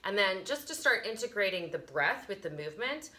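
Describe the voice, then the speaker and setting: A middle-aged woman giving casual yoga instruction as a teacher, explaining informally with soft emphasis and little pauses, recorded in a living room by a camera a few feet away. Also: mid-range voice, big pitch swings. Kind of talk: casual instructional talk, guided breathing demonstration. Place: carpeted living room, indoors.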